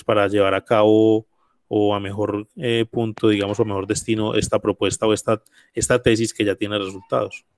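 A man's voice: on the low side, gravelly, no room sound, studio quality. A man hosts an interview, putting wordy, roundabout questions in a conversational way. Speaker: interviewer, host.

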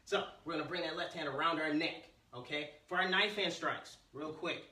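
A man teaches a children's martial arts class in a high-pitched, very sharp and forceful voice. He talks like a playful kids' entertainer, teasing, encouraging and calling out commands. The sound is echoey, picked up from across a room. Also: normal speed. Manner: energetic counting and barked commands. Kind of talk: livestreamed kids' exercise class, call-and-response instruction. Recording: roomy echo, distant from the mic.

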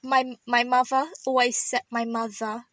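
A woman's voice: fairly high pitch, level tone, moderate pace, a bit bright, no echo, clean studio sound. A young woman with a London accent who says th as f and clips her words together in casual podcast chat. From London, England. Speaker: podcast co-host.

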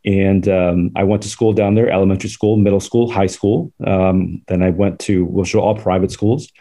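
A Southern California man in his forties, appearing as a podcast guest, tells his life story in a casual interview. His voice is low and warm with fairly even intonation and a moderate pace, and he talks in a chatty, rambling way full of laughs.

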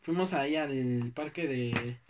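A young man with a Mexico City accent, chatting casually and telling stories in animated, slangy talk. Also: medium pitch, slow, far from the mic, noisy background. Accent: Mexico City Spanish. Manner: slangy, animated, acts out quotes. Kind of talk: casual chat, storytelling.

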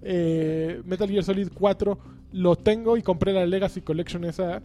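A chatty podcast host, speaking in a fairly high but mellow voice. He rambles and jokes in a relaxed way, with faint music playing underneath. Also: normal speed. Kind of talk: casual chat.

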